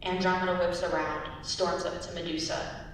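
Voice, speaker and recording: A young adult woman reads stage directions as scripted narration during a dramatic reading. Her delivery is flat and her tone fairly bright, at a normal pace. The mic sits far off in a very echoey hall, with hiss and rumble.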